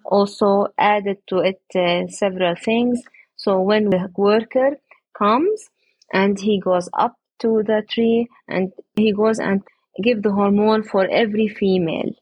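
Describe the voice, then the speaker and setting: A woman's voice: medium pitch, fairly even intonation, a little slow, breathy edge, no room sound, muffled recording. A woman, interviewed about growing date palms, explaining earnestly and step by step with frequent hesitations. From Palestine. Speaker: interviewee, date palm grower. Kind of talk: explanatory conversation.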